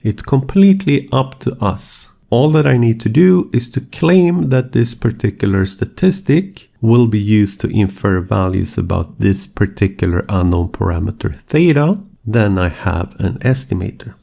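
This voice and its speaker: A man explaining statistics as a lecturer, in a measured, steady, explanatory way. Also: lowish voice, creaky. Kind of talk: scripted lecture narration.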